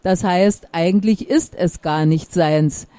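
A woman's voice: lowish voice, slow pace, mellow, no echo. A woman voicing a small, shy, polite kitten who pleads timidly in a storybook reading. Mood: explaining.

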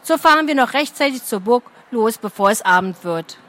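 A woman reading a storybook aloud, voicing a calm, practical man who gathers herbs and speaks earnestly. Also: fairly high pitch, fairly quick. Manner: calm, earnest, matter-of-fact.

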